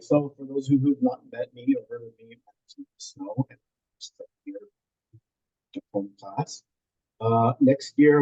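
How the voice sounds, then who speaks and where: A man's voice: medium pitch, darkish tone, breathy edge, dry recording. A male instructor introducing his course on a video call, hesitant with fillers, his microphone muffled so he sounds underwater. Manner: hesitant, with many fillers and restarts. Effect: muffled, gurgling underwater-sounding microphone. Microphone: computer microphone on a video call.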